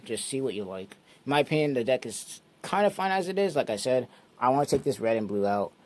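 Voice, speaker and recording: A man hosting his own channel, casually walking through a card deck step by step in a relaxed, repetitive way. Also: lowish voice. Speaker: card game channel host.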